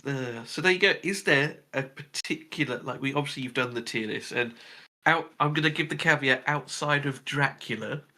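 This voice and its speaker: A man's voice: mid-range voice, moderate pace, sharp tone. A man chatting as a guest on a game stream, friendly and agreeable, laughing often. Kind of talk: casual chat while gaming.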